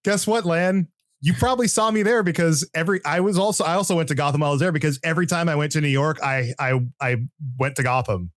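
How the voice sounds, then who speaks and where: A man with a somewhat high voice hosts a casual podcast. He talks eagerly and repeats words as he goes. His voice sounds dry and close, with no room echo. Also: fast. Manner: excitable, stammering restarts. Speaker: podcast host.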